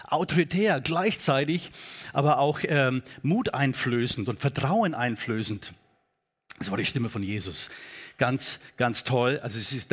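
A man preaching a sermon in a church, talking in a conversational, halting way with many fillers. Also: mid-range voice, a bit bright, husky. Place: church hall.

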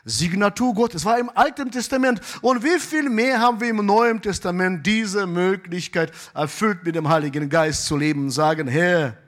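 A pastor preaching a sermon, moving between loud, emphatic exclamations and quiet asides. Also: male voice, sits high, normal speed, hardly any pauses.

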